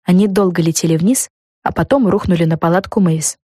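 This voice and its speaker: A woman narrating a children's storybook in a calm, even way. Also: lowish voice, a little fast, slightly rough, no echo, clean studio sound. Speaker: audiobook narrator.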